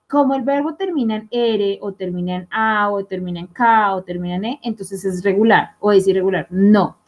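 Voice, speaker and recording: A young adult woman teaches English in a recorded online lesson, explaining each rule step by step and dropping rhetorical checks like "¿listo?" and "¿sí?". Her voice sits a little high with a darkish tone.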